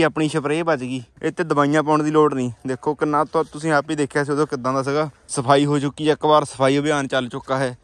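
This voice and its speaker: A man's voice: fairly high pitch, clear, resonant tone, dry recording. A man with a Punjabi accent, a farmer vlogging outdoors in wheat fields, explaining matter-of-factly to the camera. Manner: matter-of-fact, explains crop damage to viewers. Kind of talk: casual vlog walking through fields.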